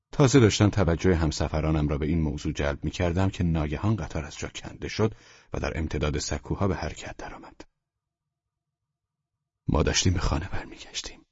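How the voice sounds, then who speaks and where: A man narrates an audiobook in a low, husky voice with steady, measured delivery. The sound is dry and close, with a dull, lo-fi tone. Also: no room sound. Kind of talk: scripted first-person audiobook narration.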